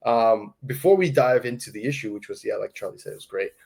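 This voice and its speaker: A man's voice: fairly low pitch, expressive, quick pace, creaky, darkish tone, husky. A man hosting a comics podcast in casual, chatty talk, laughing easily. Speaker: podcast host. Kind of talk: casual chat.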